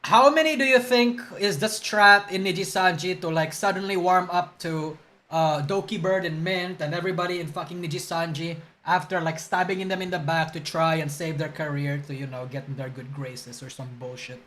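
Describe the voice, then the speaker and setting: Bright-voiced streamer swearing in reactions. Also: mid-range voice, normal speed, a little hiss or hum. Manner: loud, profane outbursts and laughter. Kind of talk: casual reaction commentary.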